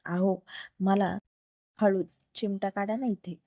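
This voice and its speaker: A woman's voice: mid-range voice, steady tone, takes it slowly, no room sound, dull audio. A woman voicing a shy dutiful young wife. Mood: pleading. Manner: gentle, deferential.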